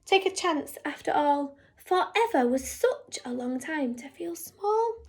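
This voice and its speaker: A woman teacher reads a rhyming picture book aloud in a high, bright voice. She takes her time and lets her pitch rise and fall freely, leaning into the rhythm of the rhymes. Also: a little slow. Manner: animated, rhythmic rhyming delivery. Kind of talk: expressive picture-book reading.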